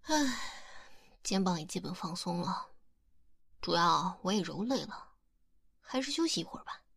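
A woman's voice: on the low side, lively intonation, moderate pace, creaky, a bit bright, husky, no echo. A young woman whispering close to the mic in an ASMR roleplay, playing a coaxing, teasingly possessive partner.

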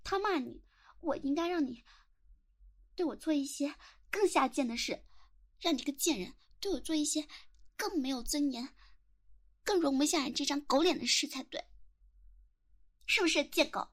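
A high-voiced, possessive teenage schoolgirl, acted by a young woman in an audio role-play drama. She is jealous and domineering. She sneers and taunts, and she rattles off insults at anyone who crosses her. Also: normal speed, pauses often, lightly acted. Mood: furious, abusive. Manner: sneering, taunting, bursts into relentless shouted insults. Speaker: voice actor.

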